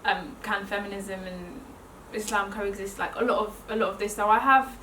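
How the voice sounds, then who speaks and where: A woman's voice: medium pitch, steady tone, moderate pace, fairly bright tone, slight background noise. A student woman speaking reflectively in an interview, with many casual fillers. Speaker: fashion design student. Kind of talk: documentary interview. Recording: roomy, mic set far off.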